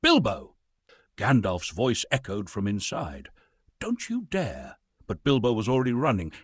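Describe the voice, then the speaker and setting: A man narrates a storybook tale with a lively, dramatic delivery. His voice is husky, and his pitch rises and falls widely. The sound is dry and close. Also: no room sound.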